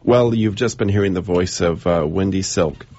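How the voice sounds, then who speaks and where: A man hosting a radio interview, speaking haltingly with many fillers. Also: deep voice, mellow, muffled recording.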